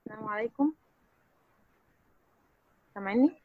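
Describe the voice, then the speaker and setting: A woman's voice: a little high, moderate pace. A woman with an Egyptian Arabic accent asking a question on a choppy, glitchy call line that keeps cutting out, hesitating and restarting her words. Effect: choppy glitchy call line that cuts out. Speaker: caller. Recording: dull lo-fi call line with faint music.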